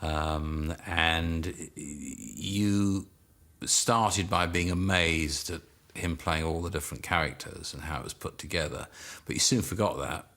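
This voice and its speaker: A man's voice: deep voice, fairly even intonation, measured pace, pushed and bright. A man interviewed for a documentary, emphatic, with many fillers. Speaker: commentator.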